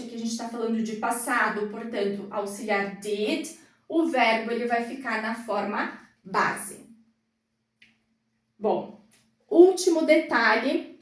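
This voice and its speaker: A woman teaching English grammar in a classroom, explaining patiently at a whiteboard. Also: fairly high pitch. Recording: roomy echo, mic far off.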